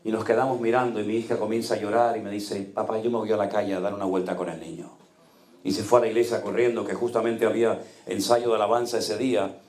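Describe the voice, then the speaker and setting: A middle-aged man, a pastor, preaching a sermon and telling personal stories, swinging from loud exclamations to hushed quiet. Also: on the low side, steady tone, quick pace, reverberant.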